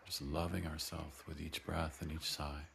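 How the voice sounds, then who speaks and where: A man guiding a breathing and voice meditation, giving soft, gentle, unhurried instructions between long audible sighs. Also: very deep voice, level tone, creaky, slight background noise. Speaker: breathwork and voice teacher.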